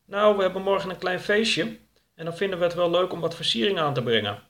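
A man's voice: high-pitched, fast, a bit bright, voice pushed up. A man voicing a guarded, curt woman who organizes a private party. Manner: curt, dismissive.

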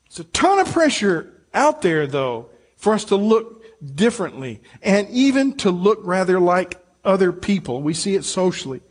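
A man's voice: high voice, big pitch swings, moderate pace, few pauses, breathy edge. An older man, a pastor, giving a sermon in an earnest, conversational way and speaking straight to his listeners. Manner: earnest, conversational preaching, addressing the congregation directly.

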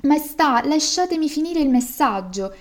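A woman's voice: a little high, normal speed, close to an everyday voice. A woman voicing an anxious male servant who pleads with his king while reading a folk tale aloud. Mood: pleading. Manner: pleading, fretful.

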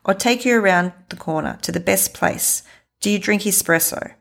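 A woman's voice: mid-range voice, normal speed, gravelly, a bit bright, voice pushed up. A woman doing a chatty Italian man. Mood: insistent. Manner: insistent, chatty, broken English. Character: friendly Italian man in his late fifties.

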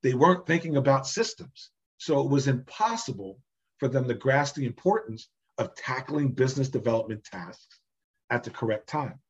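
Male podcast guest, husky tone, slightly muffled recording, emphatic and animated delivery. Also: medium pitch, normal speed. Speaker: podcast guest, business systems founder. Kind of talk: conversational podcast interview.

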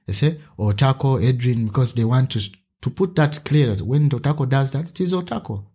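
Man from Uganda, husky voice, lively storytelling guest. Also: fairly quick. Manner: animated storyteller, acts out a child's voice with a higher pitch. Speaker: teacher and podcast guest. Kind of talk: conversational interview.

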